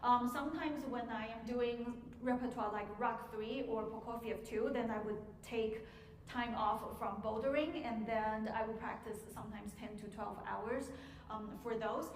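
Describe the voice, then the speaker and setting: A woman teaching a piano masterclass, answering audience questions in a measured way with frequent pauses and ums, in an auditorium. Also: a little high, fairly even intonation. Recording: echoey hall, faint noise.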